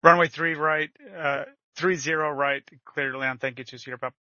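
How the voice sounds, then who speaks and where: A man's voice: fairly high pitch, steady tone, fairly quick, sharp tone, no echo, muffled recording. Hesitant male pilot over the radio. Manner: hesitant and polite, many fillers. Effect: heard over an aircraft radio. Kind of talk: radio calls to air traffic control.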